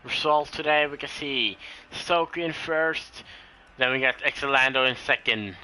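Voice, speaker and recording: This Norwegian-accented man, a second-language English speaker, commentates a sim race live on his own, sounding pushed and bright. His pitch is medium and his pace moderate, and his delivery is hesitant, full of fillers and self-corrections.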